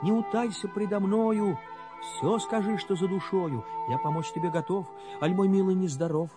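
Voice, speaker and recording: A man voicing a small, kindly, wise male humpbacked horse in a storybook reading, speaking softly and quickly. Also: mid-range voice, music in the background, pitched below the performer's own voice, lightly acted. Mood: caring. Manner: soft, hushed and quick.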